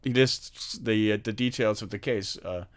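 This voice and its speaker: A man hosting a film podcast, retelling movie scenes in casual chat with animated energy and frequent laughter. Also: fairly low pitch, normal speed. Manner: animated storytelling, laughs often. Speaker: podcast host.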